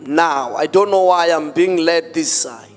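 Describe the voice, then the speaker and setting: A pastor preaching into a pulpit microphone, emphatic and drawn out, mixing in Xhosa words. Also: male voice, on the high side, a little slow. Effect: speaking into a pulpit microphone. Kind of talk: sermon. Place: church hall. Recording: long hall reverb, faint music behind.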